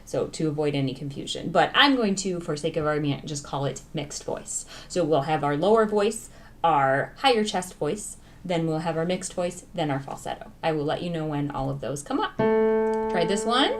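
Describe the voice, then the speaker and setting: Lowish-voiced woman coaching singers over piano. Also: normal speed. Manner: instructive, talks over piano accompaniment. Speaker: voice teacher. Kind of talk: vocal warm-up lesson. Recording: piano playing behind the voice.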